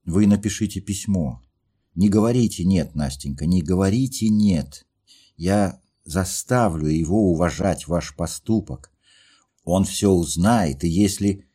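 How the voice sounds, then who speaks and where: A man's voice: low voice, a little slow, warm tone, slightly rough. A man playing a lovesick earnest dreamer. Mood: urging. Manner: fervent, pleading outbursts.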